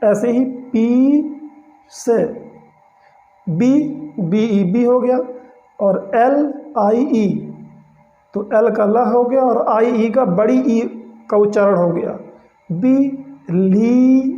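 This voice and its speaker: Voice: mid-range voice, takes it slowly, long pauses, dark tone, faint music behind. A teacher giving a pronunciation lesson, breaking words into single sounds, repeating them, and often checking in with the class. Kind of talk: spoken pronunciation lesson in Hindi. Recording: roomy, slightly dull lo-fi recording.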